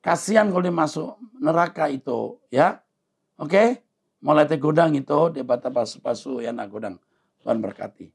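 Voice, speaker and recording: Creaky-voiced man, a pastor giving advice. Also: on the high side, animated, normal speed, long pauses. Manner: earnest, emphatic counselling. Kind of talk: answering listener questions on the Bible.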